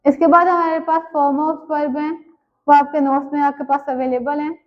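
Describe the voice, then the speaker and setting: A woman with a Pakistani accent teaching an online English class, reading English lines slowly and explaining them in Urdu. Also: sits high, little pitch movement. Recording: dull lo-fi audio.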